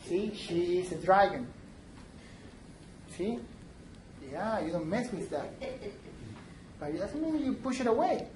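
A woman's voice: mid-range voice, expressive, slow, pauses often, darkish tone. A woman lectures to a class, switching between Spanish and English and checking in with her students between points. Her voice reaches the mic from across an echoey classroom, with faint room noise behind it. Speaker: instructor. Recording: roomy classroom sound from a distant mic.

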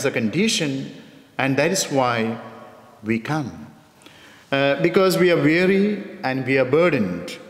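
Male priest preaching in an echoey church. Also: fairly high pitch. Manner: measured, addresses listeners as "my dear friends". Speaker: parish priest. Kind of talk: homily. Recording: echoey church with long reverb.

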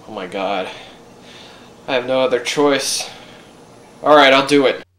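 A young man playing a frightened visitor to a house of scares in an amateur comedy skit, halting and exaggerated. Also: mid-range voice, a bit bright, lightly acted, poor audio. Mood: nervous. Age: young adult.

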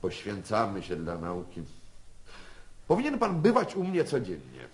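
Pompous psychiatrist, lively lilting delivery, commanding. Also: male voice, lowish voice, unhurried. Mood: bossy pompous. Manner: bossy, pompous. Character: pompous self-important male psychiatrist, adult.

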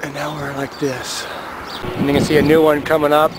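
A man shoots footage of the sky by the road and from a car, keeping up a casual, amused commentary and pointing things out. His voice is on the high side, his delivery flat and a little fast. The handheld camera mic picks up noisy audio with traffic and outdoor sounds.

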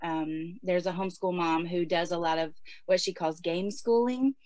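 A woman's voice: fairly low pitch, steady tone, normal speed, a little mellow, no room sound. A woman in her forties giving casual homeschooling advice in a chatty way, with many fillers. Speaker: homeschooling guest speaker.

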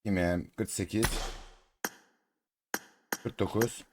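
Opening crates in a mobile game, an excitable Turkish man offers casual commentary, chants the same words over and over and sweet-talks his cat. He speaks slowly in a lowish voice against heavy background noise.

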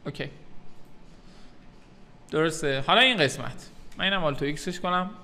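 Bright-voiced man teaching software. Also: a little high. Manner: calm step-by-step explaining, addresses viewers as kids. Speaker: 3D modeling tutor. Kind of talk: software tutorial narration.

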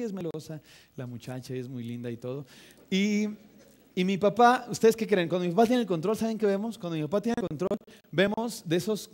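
A young man with a Mexican Spanish accent delivers a sermon in a church, his voice sitting noticeably high for a man. He speaks conversationally, mixes in humor, and keeps turning to the congregation with rhetorical questions. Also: darkish tone. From northern Mexico. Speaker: preacher. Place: church sanctuary.

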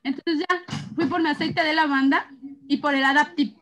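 A woman in her thirties with a Mexican accent tells a chaotic family story in casual chat. Her voice sits high, and she talks in an animated way, laughing often as she goes. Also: normal speed, slight background noise. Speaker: co-host of an essential oils channel. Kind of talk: casual chat between sisters.

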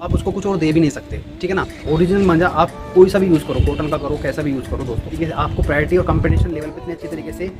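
Fast-talking young man on a rooftop. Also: on the high side, fairly even intonation, over music. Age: young adult. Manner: chatty, keeps saying "friends" and "okay?". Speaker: kite-flying vlogger. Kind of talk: casual demo and live commentary. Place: open rooftop outdoors.

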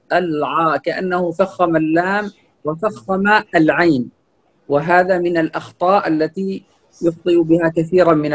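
Male recitation teacher, somewhat high voice, patient drills of pronunciation. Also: rough recording. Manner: explains then slowly models each word. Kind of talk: recitation lesson, correcting pronunciation.

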